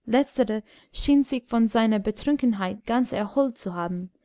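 A woman reading a classic story aloud as an audiobook narrator, measured and solemn. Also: a little high, mellow, no echo, studio quality. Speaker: audiobook reader. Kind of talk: scripted literary narration.

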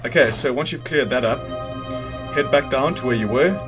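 A gamer's mid-range voice moves at a moderate pace as he walks through a video game, chatting informally, musing aloud and correcting himself. The game's music and sounds play in the background.

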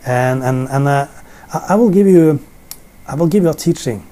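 Animated and warm, a middle-aged Norwegian man with a slightly high voice and moderate pace teaches the Bible in English from his sofa. He faces a camera from a seated position, speaks with a Norwegian accent, and often repeats words as he searches for them.

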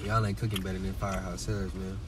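A man's voice: deep voice, level tone, fast, recorded from a distance, noisy background. A man hosting a casual food review, chewing while he talks, slangy and swearing freely. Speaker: food vlog host. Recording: voice from away from the mic, music behind.

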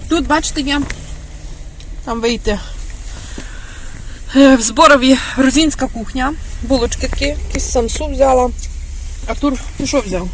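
A woman's voice: high-pitched, moderate pace, long pauses, slight background noise. A middle-aged woman, casually vlogging a road trip and chatting to her viewers as friends. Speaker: village vlogger. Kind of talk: casual travel vlog. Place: in a car and outdoors in a village.

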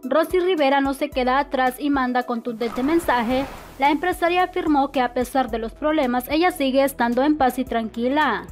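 A woman reading scripted entertainment news narration, quotes included in the same even voice. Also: sits high, normal speed, hardly any pauses. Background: faint music.

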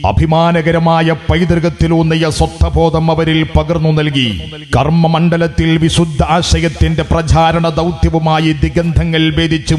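A man's voice: fairly high pitch, a little mellow. A man with a Kerala accent declaiming a scripted public announcement in long, formal, rolling sentences, as an event announcer. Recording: faint music behind the voice. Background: faint music.

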